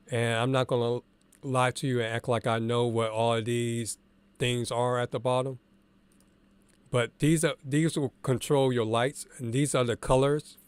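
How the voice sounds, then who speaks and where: A man's voice: mid-range voice, clear, resonant tone, no echo. Male DJ, stuffy and congested, casual thinking-aloud tutorial delivery, dry close sound. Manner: relaxed and candid, thinking aloud with fillers. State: congested from allergies, morning voice. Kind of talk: casual screen-share tutorial.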